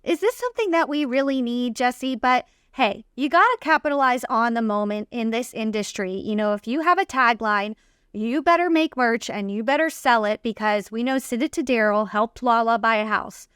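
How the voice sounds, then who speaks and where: A woman's voice: a little high, normal speed, a bit bright, clean tone, no echo, studio quality. A woman co-hosting a reality TV recap with casual, opinionated commentary in informal, slangy phrasing. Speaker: podcast co-host recapping reality TV.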